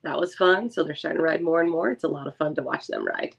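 A woman's voice: sits low, fast, vocal fry, breathy edge. A woman co-hosting a podcast in casual chat, speaking informally with laid-back wording. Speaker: podcast co-host.

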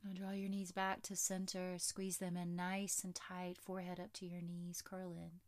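A woman yoga instructor giving slow, guided instructions for stretching and breathing. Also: on the low side, monotone.

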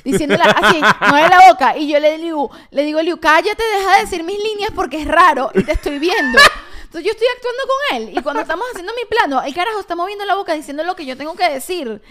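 A woman's voice: very high voice, quick pace, slight background noise. A young woman, co-hosting a podcast in casual chat, reacting expressively and teasing her partner. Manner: reactive and expressive, gasps and teases. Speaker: podcast co-host.

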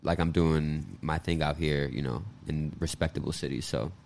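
A man's voice: extremely low pitch, fairly even intonation, moderate pace, vocal fry, darkish tone, slight background noise. A man chatting casually as a podcast guest, rambling in a laid-back, slangy way. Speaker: podcast guest, event promoter. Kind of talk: casual chat.

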